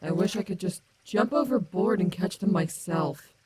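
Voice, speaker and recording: A woman's voice: fairly low pitch, normal speed, warm tone, breathy edge. A woman voicing a confident, playful animatronic wolf, cocky and teasing yet tender, in an audio roleplay. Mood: bored. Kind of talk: ASMR audio roleplay, companionable acting.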